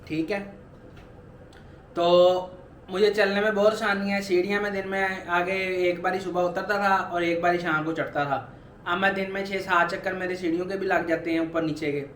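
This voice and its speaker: A man's voice: high-pitched, level tone, normal speed, a bit bright, echoey room, slight background noise. A man in his twenties talking earnestly in a personal vlog, urging viewers on with repeated motivational points. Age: 20s. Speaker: vlogger. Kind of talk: personal weight-loss vlog.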